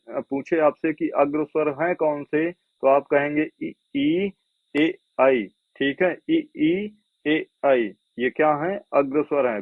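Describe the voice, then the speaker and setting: A man's voice: fairly high pitch, dry recording. Male coaching teacher, call-and-answer drilling, phone-like dry recording. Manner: drills with repeated questions and answers. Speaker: Hindi teacher. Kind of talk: exam coaching lecture. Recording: tinny phone-like dry sound.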